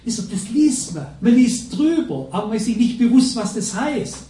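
A man's voice: very high voice, sing-song, normal speed, mellow. A man preaching a sermon, telling stories in an emphatic, conversational way. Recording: echoey hall, distant from the mic.

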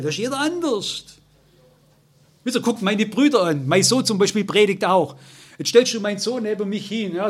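A man's voice: high voice, husky. An older man with a Swabian accent preaching a sermon, talking emotionally and turning to his listeners again and again. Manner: emotional, addresses listeners directly, repeats "you know".

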